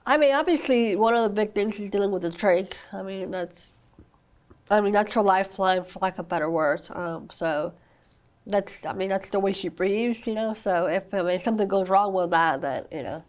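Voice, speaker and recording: Young mom on a podcast, earnest, says "i mean" a lot, still a bit sick. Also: female voice, mid-range voice, normal speed. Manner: earnest, many fillers like "I mean" and "you know". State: recovering from illness, occasional cough. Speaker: guest, mother of a child with a rare condition. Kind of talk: podcast interview.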